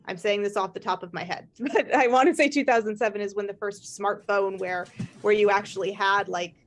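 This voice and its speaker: A woman's voice: mid-range voice, fairly even intonation, brisk, slight background noise. A woman hosting a podcast, chatting casually, rambling with frequent laughs and restarts. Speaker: podcast host. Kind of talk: casual chat.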